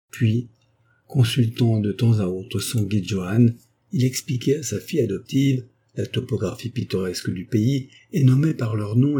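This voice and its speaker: A man with a husky voice narrating a novel in a steady, measured reading. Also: lowish voice, a little hiss or hum. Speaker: audiobook narrator. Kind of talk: scripted narration.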